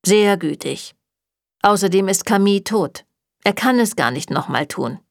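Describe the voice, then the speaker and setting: A woman's voice: medium pitch, animated, measured pace, gravelly, no echo. A woman reading a German audiobook, voicing a sardonic, evasive male warlock who answers with dry mockery. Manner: dry and mocking.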